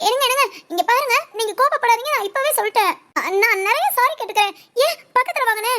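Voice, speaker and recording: A very high, girlish voice of an anxious young wife, played by a woman. She frets aloud and coaxes her husband in a pleading, playful way. It sounds like a storybook audio drama. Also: quick pace, sharp tone. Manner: fretful self-talk, coaxing and pleading. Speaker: wife of a policeman.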